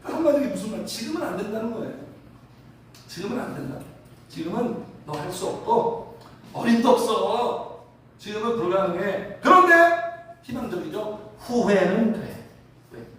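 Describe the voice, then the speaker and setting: A male pastor preaching a sermon in a church, animated and asking the congregation rhetorical questions. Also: high voice, normal speed, pauses often, slight background noise. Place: church sanctuary. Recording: very echoey hall from a distance.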